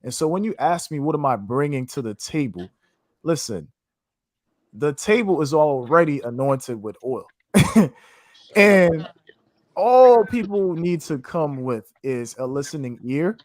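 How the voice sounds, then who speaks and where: Slightly high and somewhat mellow, the voice belongs to a trading educator from Haiti giving a fervent, sermon-like interview answer full of faith. He stays casual, dropping "man" and "you know what I'm saying," on a dry recording.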